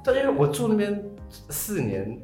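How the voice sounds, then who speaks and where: A man's voice: sits high, huge pitch swings, moderate pace, warm tone. A man chatting casually as a podcast co-host in Taiwanese-accented Mandarin. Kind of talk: casual chat. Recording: roomy echo, faint music.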